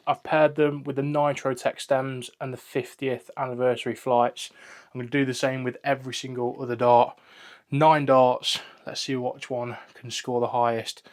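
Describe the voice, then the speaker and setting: A man reviewing and unboxing darts in a casual, enthusiastic way, often repeating "very, very". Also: medium pitch.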